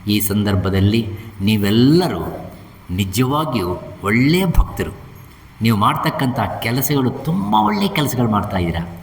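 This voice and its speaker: A man's voice: lowish voice, sing-song, unhurried, vocal fry. A man giving a devotional storytelling discourse at an ashram, animatedly acting out the characters. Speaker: religious discourse speaker. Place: ashram hall. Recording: reverberant hall.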